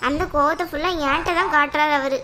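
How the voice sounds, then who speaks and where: A woman doing a shrill, fiery young wife. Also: fairly even intonation, fast talker, background noise, close to an everyday voice. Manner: complaining, sharp-tongued. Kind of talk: cartoon voice acting.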